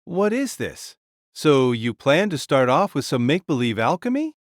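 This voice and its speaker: A man's voice: medium pitch, big pitch swings, normal speed, dry recording, studio quality, natural voice. A man voicing a giant, boisterous ancient king spirit in an audio drama, hearty and blunt in manner. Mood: scornful. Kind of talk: fan audio drama acting.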